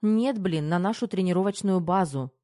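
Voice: mid-range voice, expressive, fairly quick, mellow, no echo, studio quality, natural voice. A storyteller voicing a capricious, teasing young pregnant woman in an audiobook, with a pouting, whiny manner. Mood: strained.

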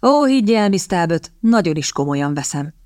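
A woman voicing a grumpy, sardonic young gentleman in an audiobook, slow and grumbling with a mocking edge. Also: on the low side, very animated, dry recording, studio quality.

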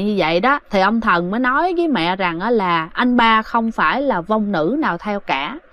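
A woman's voice: on the high side, a bit bright, no room sound. Chatty woman telling a ghost story. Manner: chatty, addresses listeners directly, many fillers. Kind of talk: casual spoken storytelling.

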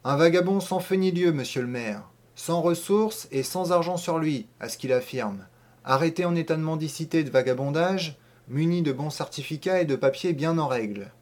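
A man's voice: a little high, moderate pace, a little mellow, lightly acted. A man doing a stern, officious gendarme. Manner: formal, clipped, official. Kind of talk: audiobook reading.

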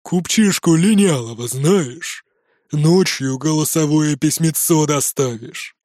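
A man's voice: a little high, takes it slowly, a little mellow, no echo, clean studio sound. A man doing a gloating hyena commander. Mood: scheming commands. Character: scheming commanding hyena magistrate, male.

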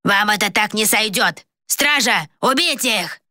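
A woman's voice: a little high, normal speed, bright, forceful tone, no room sound, pitched above the performer's own voice. Storybook villain king, raging, barks commands, dry close sound, voiced by a female narrator. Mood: furious. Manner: barking, raised voice. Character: furious tyrant king shouting orders.

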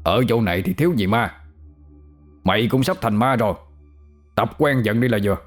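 A man's voice: on the low side, normal speed, faint music behind, natural voice. A man voicing a burly, brutal male prison guard who snarls threats. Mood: gruff menace.

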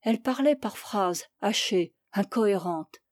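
A woman narrating a novel in a measured, subdued way as an audiobook reader. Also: medium pitch, lively intonation, a little mellow, no echo, clean studio sound. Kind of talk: literary narration.

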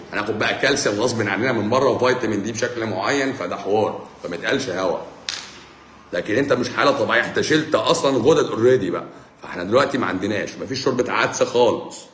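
A man with an Egyptian accent answers viewers' questions on a live stream as a doctor. He teases and jokes in a very low voice and rattles along quickly. The room around him echoes, with a faint hum behind. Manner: joking, teasing, brisk. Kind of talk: casual live-stream Q&A reading comments. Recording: roomy echo, faint background hum.

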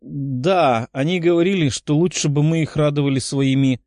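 A man's voice: on the high side, fairly even intonation, moderate pace, a little mellow, no room sound, studio quality, natural voice. A man voicing a timid, shy young girl in a storybook reading.

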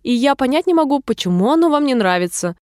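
Woman playing an earnest little girl, polite, bright and high, storybook. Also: animated, fast, no room sound, clean studio sound. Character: polite, eager young girl Alice.

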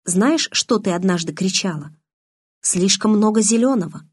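A woman voicing a calm, gentle, secretive teenage boy in an audiobook, speaking softly and matter-of-factly. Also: medium pitch, moderate pace, slightly rough, dry recording, studio quality. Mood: quiet, gentle. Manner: soft-spoken, matter-of-fact. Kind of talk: audiobook character reading.

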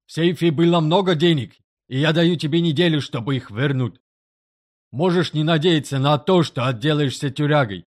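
A woman voicing a crude, menacing middle-aged male boss who growls threats in a low, rough voice. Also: moderate pace, darkish tone. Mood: threatening.

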